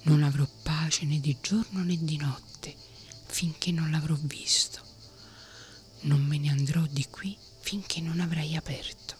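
A woman's voice: deep voice, steady tone, a little slow, soft background music. A woman voicing an insistent, headstrong young king in a whispered role-play.

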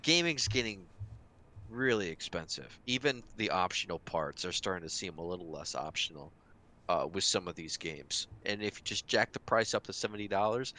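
A man's voice: sits low, normal speed, slight background noise. A man co-hosting a gaming podcast, chatting casually and animatedly, filling his talk with "like" and restarts. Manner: animated, heavy use of "like", many restarts. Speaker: podcast co-host. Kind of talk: casual chat.

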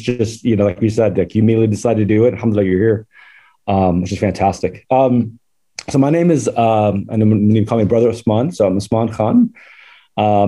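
A man's voice: on the low side, warm tone. A man in his forties from Southern California, a podcast guest telling his life story in a chatty, rambling way that is full of laughs. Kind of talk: casual life-story interview.

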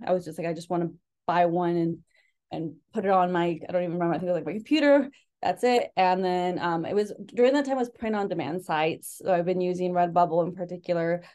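Low-voiced young woman guest. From Mexico, raised in California. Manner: relaxed storytelling with many fillers. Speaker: guest, designer and business founder. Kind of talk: casual podcast interview.

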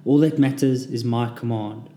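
A man's voice: medium pitch, moderate pace, dark tone, lightly acted. A man playing a brutal Russian drill sergeant who barks commands. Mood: barking orders. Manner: barking commands. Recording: roomy echo.

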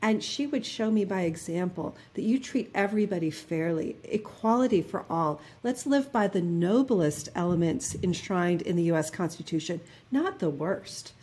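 A woman's voice: fairly low pitch, animated, moderate pace, few pauses, a little mellow, breathy edge. A woman in her fifties from New Jersey, guest in an interview, telling personal stories earnestly with many fillers and restarts. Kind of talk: reflective interview conversation.

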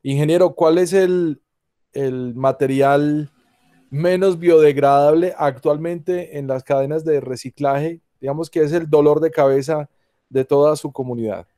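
Mellow male host, very dry sound. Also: a little high, steady tone, unhurried, no echo. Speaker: interviewer, host. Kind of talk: conversational presenting and questioning.

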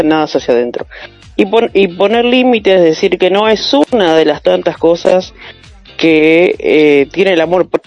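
A woman with a Rioplatense Spanish accent, talking reflectively and telling stories in a casual panel chat. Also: deep voice. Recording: dull lo-fi sound.

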